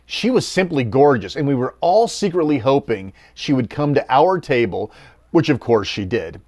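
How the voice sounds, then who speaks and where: A middle-aged American man narrates like a scripted documentary but adds a wry, personal touch, his pitch swinging up and down in a sing-song way. He speaks at a moderate pace with a darkish tone, recorded close and dry with no echo or room sound.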